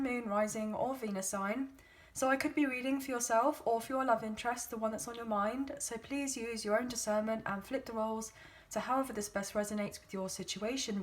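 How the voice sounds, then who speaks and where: A woman with a slightly croaky, hoarse voice on the high side gives her viewers a casual tarot reading. She's chatty and gently encouraging, saying "um" often.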